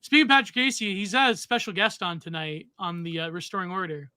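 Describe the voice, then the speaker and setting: High, very bright young man, dry sound. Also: steady tone, a little fast, clear, resonant tone. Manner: laid-back, laughing often, trailing off. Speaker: podcast co-host. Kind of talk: casual chat.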